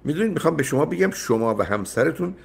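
A man's voice: a little high, sing-song, gravelly, breathy edge. An older man hosting a call-in advice show, emphatic and often cutting in with repeated no's. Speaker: radio psychologist host.

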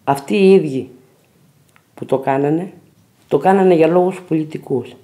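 A mother telling her family's story slowly and plainly in a documentary interview. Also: deep voice, warm tone.

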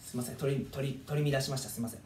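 A man's voice: medium pitch, steady tone, racing, a little hiss or hum. A man in his twenties with a Kansai accent, a soccer player making a goofy mock-apology vlog. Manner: goofy, swings into loud joking outbursts. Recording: echoey room with background music.

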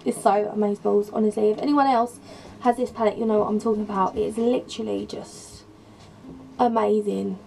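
A young woman with a croaky voice from a sore throat, chatting in a rambling, gushing way as she films a vlog in her bedroom on a camera mic. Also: mid-range voice, steady tone, fairly quick, a little mellow, slight background noise, low-quality recording. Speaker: beauty and lifestyle vlogger.

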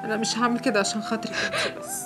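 A woman's voice: on the high side, wildly swooping pitch, very fast, music in the background. An actress with an Egyptian accent playing a betrayed young working woman in a TV drama, given to wailing curses. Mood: weary. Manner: wailing curses when distraught. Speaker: maid in a TV drama. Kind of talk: Egyptian TV series acting.

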